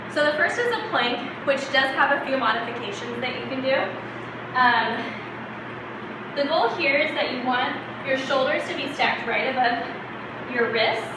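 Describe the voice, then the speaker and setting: High-voiced woman coaching a workout. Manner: instructive, demonstrating while exercising. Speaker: fitness instructor. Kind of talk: workout demonstration. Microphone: camera at a distance. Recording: echoey room from far off, noisy.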